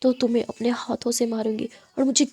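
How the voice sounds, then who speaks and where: A woman's voice: a little high, little pitch movement, fairly quick, warm tone, husky. A woman reading a storybook voice for a fierce, protective young woman who stammers when worried and snaps when angry. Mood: menacing.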